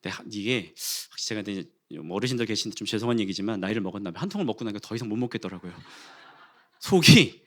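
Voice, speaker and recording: Animated Korean pastor telling a story. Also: male voice, on the low side, fast talker. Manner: animated storytelling, acting out quarrels and rising to loud exclamations. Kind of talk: sermon with a humorous personal story. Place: church sanctuary.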